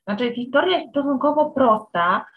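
A woman with a fairly high voice joins a book club discussion. She reasons at length about what worked and what confused her. The sound is muffled and lo-fi. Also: lively intonation, moderate pace, a little hiss or hum. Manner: thoughtful, long-winded reasoning.

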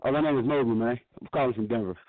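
A man's voice: medium pitch, racing, no echo. A man calls in over a tinny, dry phone line that sounds narrow and close. He talks casually and repeats himself a lot. His swearing comes across as laid-back rather than angry. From Georgia, US. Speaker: caller. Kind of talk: casual call-in chat.

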